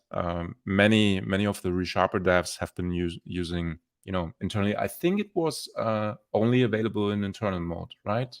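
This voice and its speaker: A man presenting a software demo on a live stream, explaining features as he thinks aloud with many restarts and fillers. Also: sits low, creaky. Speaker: developer presenter.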